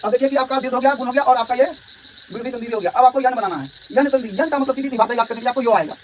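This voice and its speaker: A man's voice: extremely high pitch, racing. A man teaching a grammar lesson, explaining step by step and often checking in his students. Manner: explanatory, repeats "ठीक है" and addresses students directly. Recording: distant mic with faint background noise.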